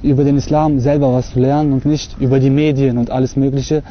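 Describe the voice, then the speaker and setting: A man's voice: mid-range voice, level tone, quick pace, a little hiss or hum. Earnest young man, hesitant outdoor talk. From Russia. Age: young adult. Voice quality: hesitant, many filler sounds, earnest. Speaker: convert giving testimony. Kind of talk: casual spoken testimony to camera. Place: outdoors on a campus lawn. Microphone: camera mic at close distance. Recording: slightly dull lo-fi outdoor camera audio.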